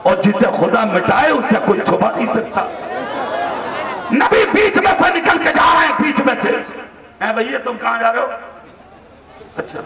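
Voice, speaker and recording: A man from Moradabad, preaching a fiery sermon and shouting to urge the crowd to respond. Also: very high voice. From Moradabad, India. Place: large religious gathering. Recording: echoey PA sound from far off, faint crowd.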